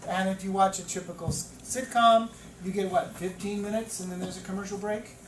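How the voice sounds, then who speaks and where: A man in his fifties, a teacher trainer giving an animated lecture with stories, repeating words for emphasis. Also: high-pitched, a little fast. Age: 50s. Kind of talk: classroom lecture. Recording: echoey room from far off, noisy.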